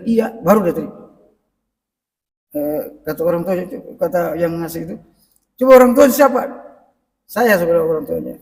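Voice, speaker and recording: A middle-aged man with a high voice preaches in a relaxed, conversational way and keeps turning to the congregation. He sounds set back from the microphone. The mosque hall gives his voice a long, echoing tail. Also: vocal fry. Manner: conversational, addresses the congregation directly. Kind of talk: mosque parenting lecture. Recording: echoey mosque hall, mic at a distance.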